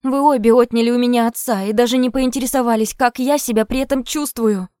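Woman doing a teary young woman, high and pleading, dry close sound. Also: fairly even intonation, fast, mellow, no room sound, close to an everyday voice. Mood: tearful defiant. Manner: pleading, tearful outbursts. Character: young woman, upset teacher, tearful and defiant.

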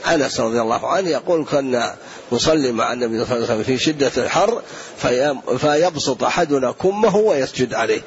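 A man's voice: mid-range voice, lively intonation. Man answering questions in a lo-fi lecture recording. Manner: explanatory, measured, repeats points for emphasis. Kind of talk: religious lesson Q&A.

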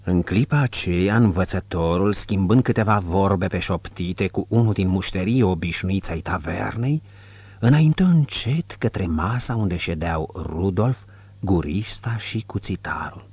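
A man narrating an audiobook in a measured, descriptive reading. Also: sits low, animated, darkish tone, husky, no echo, lo-fi sound. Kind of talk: scripted narration.

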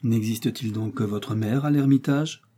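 A man reading aloud, voicing a spirited young woman who teases and reproaches a doctor, in a husky voice. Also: on the low side, moderate pace. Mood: gentle. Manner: lively, provoking.

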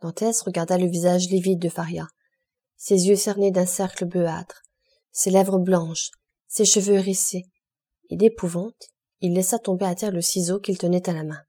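A woman reads a classic novel aloud in a measured, steady narration. Her voice is mellow and warm. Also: fairly low pitch, breathy edge. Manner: measured literary reading. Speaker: audiobook reader. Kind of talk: scripted narration.

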